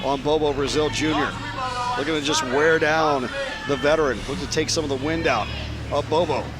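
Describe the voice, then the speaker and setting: A man's voice: fairly high pitch, fairly even intonation, fairly quick. A man calling live wrestling action as the play-by-play commentator, emphatic and speaking in short bursts. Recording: loud music behind commentary.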